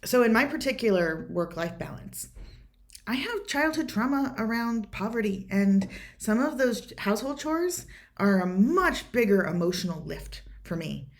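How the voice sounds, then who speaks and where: A woman's voice: fairly high pitch, animated, moderate pace. A woman hosting a podcast, talking earnestly in a casual personal monologue, rambling with many fillers and restarts. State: choked up with emotion at times. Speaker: podcast host answering a listener question.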